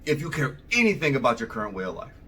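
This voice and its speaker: A man's voice: mid-range voice, big pitch swings, rapid-fire, pushed and bright, distant mic. A male vlogger giving a rambling, conversational opinion monologue to the camera.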